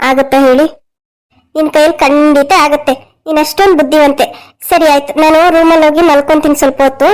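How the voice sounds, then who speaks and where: A woman's voice: sits high, poor audio. A woman voicing the women of a cartoon family drama, emotional and scolding. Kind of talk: cartoon story voice acting.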